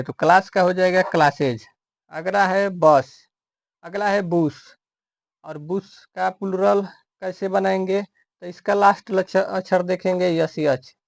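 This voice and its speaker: A man teaching a grammar lesson, explaining rules slowly and repeating each step, calling his viewers dear friends. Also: high-pitched, no echo. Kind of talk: classroom-style grammar lesson.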